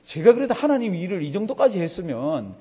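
An aggrieved prophet whines and pleads in a raised, husky voice with a mellow, dark tone, as a preacher puts him on. The sound rings with the long reverb of a church hall. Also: male voice, sits high, big pitch swings, fairly quick, voice pushed up, full character voice. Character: complaining sulking prophet, adult man.

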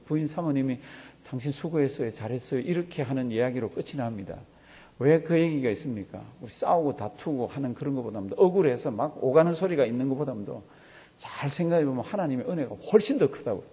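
A man's voice: mid-range voice, animated, quick pace, warm tone, breathy edge. A man preaching a sermon as a pastor, telling a story and acting out the voices of the people in it. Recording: long hall reverb.

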